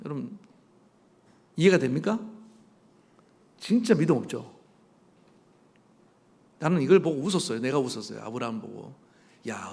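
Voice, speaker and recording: Gravelly-voiced man preaching a sermon. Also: fairly high pitch, big-room sound. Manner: animated preaching, acting out quoted voices, rhetorical questions. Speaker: pastor. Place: church sanctuary.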